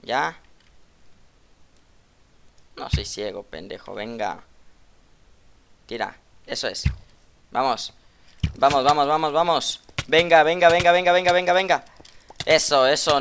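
A young man casually commentating his own Minecraft match, chatty and teasing his opponents, at times bursting into loud, excited talk. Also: mid-range voice, unhurried, creaky, long pauses, a little hiss or hum. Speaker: gaming YouTuber.

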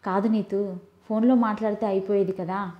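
A woman voicing a gentle, lovesick young man, pleading softly in an audiobook. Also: mid-range voice, steady tone, fairly quick, muffled recording, close to an everyday voice. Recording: roomy echo.

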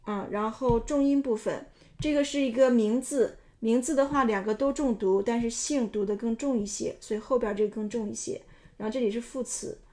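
Step by step, a methodical woman walks through a pronunciation lesson as its narrator. Her voice sits on the high side with a darkish tone.

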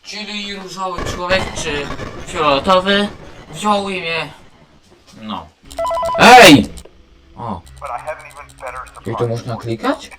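A man doing let's play commentary, excitable, often yelling at characters in the game. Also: high voice, slow, pauses often, background noise. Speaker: gamer.

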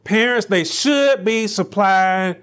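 A pastor with a high-pitched voice preaches slowly and deliberately, letting each phrase land. He climbs to near shouts when he stresses a point. He is recorded on a lapel mic in a small church room. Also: smooth. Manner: rising to near shouts on emphatic lines, slow deliberate phrasing. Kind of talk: sermon.

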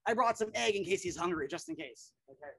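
A woman's voice: medium pitch, animated, fast talker, vocal fry, a bit bright, husky. A middle-aged woman presenting animals outdoors in a yard, talking casually and enthusiastically with surfer-like slang for an educational reptile show.

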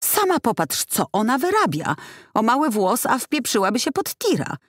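A man's voice: extremely high pitch, wildly swooping pitch, moderate pace, a bit bright, no room sound, clean studio sound, voice pushed up, exaggerated voice. A woman voicing a hot-tempered male driver in an audiobook, snapping and raising his voice in anger. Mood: angry. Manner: angry, snapping, raised voice.

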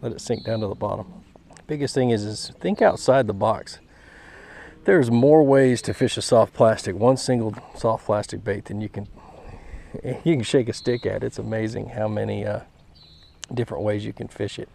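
A young man hosting a fishing vlog, explaining his technique in a relaxed way while casting from a pond bank, recorded on a head-mounted camera outdoors. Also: lowish voice, moderate pace, vocal fry. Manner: relaxed, explaining as he fishes, chuckling. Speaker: fishing channel host. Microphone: head-mounted action camera. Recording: outdoor camera mic with faint background noise.

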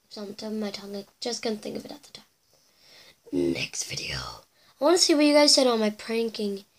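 In her bedroom, a teenage girl YouTuber casually goes through viewer comments on camera, slipping in whispered asides. Her slightly high, slightly mellow voice sounds a bit cracky from losing it.

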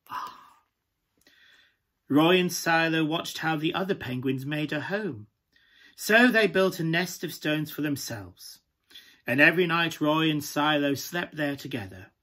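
Man playing glamorous pantomime dame, British accent, camp coaxing storyteller, breathy and husky, raised pitch. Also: a bit bright. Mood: tender, storytelling. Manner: camp, coaxing, asking the listeners questions. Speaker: storyteller, host of a children's story time. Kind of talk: animated children's storytelling. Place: small room at home, indoors.

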